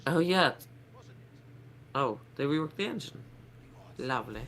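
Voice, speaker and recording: A man's voice: mid-range voice, animated, a little slow, a bit bright. A man with a stuffy nose from a cold, chatting casually on a game stream. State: congested with a head cold, blocked nose. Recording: clear background noise.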